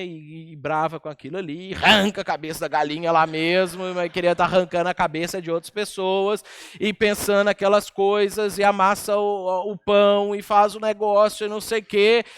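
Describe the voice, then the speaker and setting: A man's voice: high voice, clean tone, no room sound, clean studio sound. A man preaching a sermon, retelling a story with rhetorical questions.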